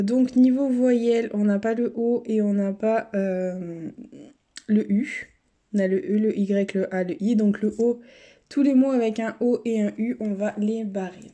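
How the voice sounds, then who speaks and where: Dark-voiced woman chatting to viewers. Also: mid-range voice, husky. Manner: chatty, talks to viewers, drops to mutters and whispers. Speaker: YouTuber. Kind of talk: casual running commentary while scratching lottery tickets. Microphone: camera set up on a table.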